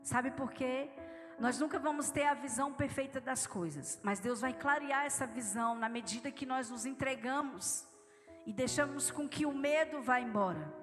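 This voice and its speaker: A woman's voice: sits high, normal speed. A woman pastor from Brazil preaching a live sermon in church, telling stories in an earnest way and speaking straight to the congregation. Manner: storytelling, earnest, addresses the congregation directly. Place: large church hall with live audience. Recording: echoey church hall, soft background music.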